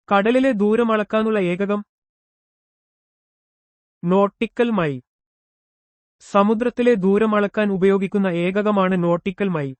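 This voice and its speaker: A man reading exam prep questions, each followed by its answer and a short explanation, in a steady recited pattern. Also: high voice, no echo. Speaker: exam coach.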